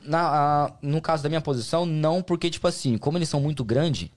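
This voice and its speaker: Very fast-talking Brazilian man explaining a sport. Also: a little high. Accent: Brazilian Portuguese. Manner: slangy, colloquial, explains with examples. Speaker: guest, American football player. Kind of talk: casual podcast interview, explaining the sport.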